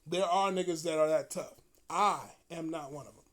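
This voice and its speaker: A man telling a profane story in a casual, animated way, often breaking into laughter. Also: fairly high pitch, normal speed.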